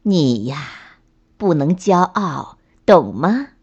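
Woman doing a soft, sighing mother rabbit. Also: very animated, takes it slowly, slightly rough, full character voice. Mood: scolding. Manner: low, soft, reproachful sighing tone. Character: patient mother rabbit, gently scolding and sighing. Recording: slightly dull lo-fi recording.

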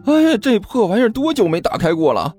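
A man voicing a brash, impatient male student who swears and shouts in exasperation. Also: sits high, huge pitch swings, moderate pace, soft background music, pitched above the performer's own voice. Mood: exasperated.

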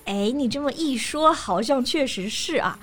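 A young woman co-hosting a bilingual English-teaching podcast, explaining pronunciation steadily and clearly and spelling words out. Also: high-pitched, animated, normal speed, a bit bright, soft background music. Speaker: podcast co-host.

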